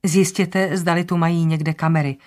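Narrator doing a brisk woman investigator. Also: mid-range voice, fairly even intonation, darkish tone, close to an everyday voice. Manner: businesslike, polite orders. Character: brisk woman investigator, lawyer, matter-of-fact.

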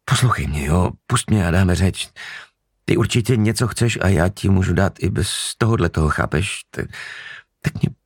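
A man's voice: low-pitched, expressive, gravelly, slightly rough, no echo, clean studio sound, pitched above the performer's own voice, full character voice. A man voicing a terrified young woman who pleads desperately with her captor in an audiobook. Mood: pleading. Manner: desperate, wheedling, breathless pleading. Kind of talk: audiobook character voice.

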